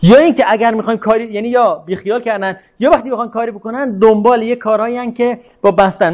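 Man, high voice, informal lecture, discursive, rhetorical questions, slightly muffled recording. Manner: discursive, asks rhetorical questions, repeats points.

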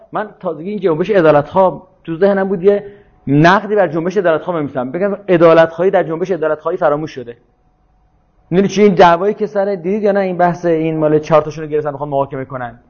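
A high-voiced man argues his case in an informal lecture on religion and politics, regularly posing rhetorical questions to make sure listeners are keeping up. The recording has its highs cut off.

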